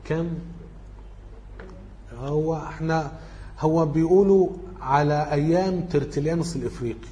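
With an Egyptian Arabic accent, a man gives an informal lecture, working through study questions and thinking aloud as he corrects himself. His voice is a little high and dark-toned, moving at normal speed with frequent pauses.

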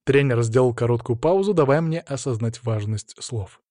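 A man narrating a story in the first person in a steady, measured way. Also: mid-range voice, no echo, clean studio sound.

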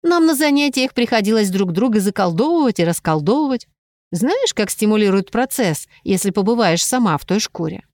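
A woman reading aloud, voicing an eager young female witch and fortune-teller in an audiobook, with hushed excitement. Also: mid-range voice, brisk, no room sound, studio quality, lightly acted.

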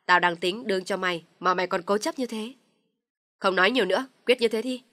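A woman voicing an older father-in-law who gives loud, commanding orders to his family in an audio story. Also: on the low side, rapid-fire, dry recording, studio quality, lightly acted. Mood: stern commanding.

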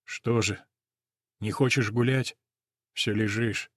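A man's voice: steady tone, slow pace, slightly rough, no room sound, clean studio sound. A man doing a gloomy old jockey. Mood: gruff. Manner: low, muffled, heavy. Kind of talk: storybook reading.

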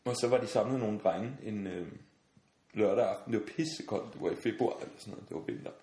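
A man telling funny anecdotes in a casual podcast chat, acting out the voices in his stories and laughing often. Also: on the low side. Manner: animated storyteller, acts out voices, laughs often. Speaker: podcast guest. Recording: roomy sound with faint noise.

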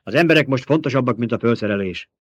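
A man voicing a commanding young male desert war leader who barks sharp orders, in a dull lo-fi audiobook recording. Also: mid-range voice, animated, husky, dry recording, clean studio sound. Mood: firm.

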